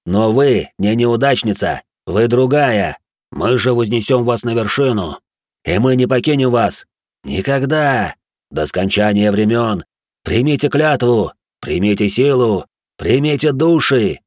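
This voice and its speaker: A man voicing a flattering male demon who speaks slowly and ceremonially. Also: medium pitch, no room sound, studio quality, natural voice. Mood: pledging. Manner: slow, ceremonial, pledging.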